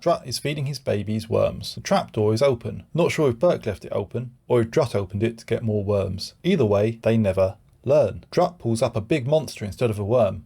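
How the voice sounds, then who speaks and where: A man's voice: mid-range voice, gravelly, mellow, husky. A man in his forties narrating a scripted retrospective review, with dry, wry running jokes. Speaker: YouTube reviewer.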